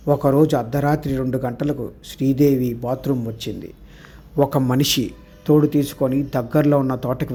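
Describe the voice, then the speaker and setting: Man with a very dark, mellow voice. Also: medium pitch. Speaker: storyteller. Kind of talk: Telugu horror story narration.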